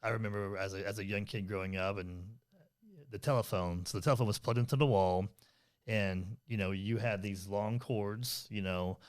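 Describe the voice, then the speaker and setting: Low-voiced earnest man co-hosting. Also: steady tone, normal speed. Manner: earnest, rambling, many fillers and restarts. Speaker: podcast co-host. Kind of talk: casual conversational podcast chat.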